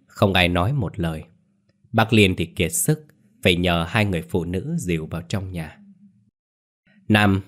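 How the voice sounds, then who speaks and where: Deep-voiced man narrating a ghost story.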